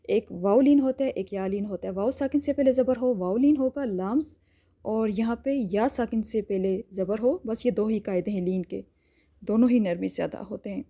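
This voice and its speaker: Patient woman tutor with a mellow voice. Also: mid-range voice. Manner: patient, explains step by step, often asks "theek hai?". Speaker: Quran recitation teacher. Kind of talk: tajweed lesson with slow drawn-out demonstrations.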